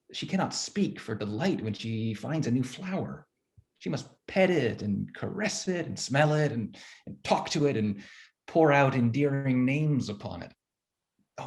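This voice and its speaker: A man's voice: mid-range voice, lightly acted. A man playing Adam, a dry, musing first man. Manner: dry, musing diary-like narration. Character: first man, gruff bemused young husband. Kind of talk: theatrical reading of a one-act play. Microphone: video call.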